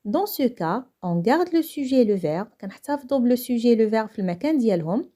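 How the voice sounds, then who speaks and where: A woman with a Moroccan accent teaching a French grammar lesson, going over each point slowly in French and then quickly again in Moroccan Arabic. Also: on the high side, big pitch swings, warm tone. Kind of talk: grammar lesson explaining exercises.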